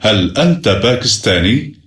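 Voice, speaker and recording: A man performing a scripted textbook dialogue with clear enunciation. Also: lowish voice, expressive, quick pace, a bit bright, reverberant.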